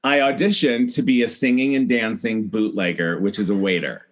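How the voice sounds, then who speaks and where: A middle-aged celebrity hair stylist from Iowa tells stories as a podcast guest, chatting casually and acting out remembered dialogue. His lowish voice is steady and moderately paced.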